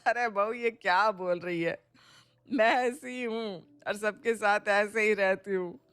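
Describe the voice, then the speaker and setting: A warm, motherly mother-in-law from an audio storybook coaxes and fusses over her family, as voiced by a woman. Her voice sits at an everyday middle pitch. It is recorded dry and close, with no room sound. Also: steady tone, slow, smooth, no room sound. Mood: affectionate. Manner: gentle, coaxing, motherly. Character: kind, caring middle-aged mother-in-law.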